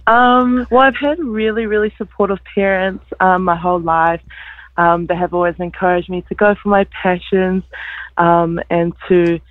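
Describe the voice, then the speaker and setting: A woman's voice: lowish voice, fairly even intonation, moderate pace, no room sound. A nineteen-year-old woman, an upbeat guest talking with many fillers and laughs on a radio show. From New Zealand. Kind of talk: phone-in radio interview. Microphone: phone. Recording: tinny phone line.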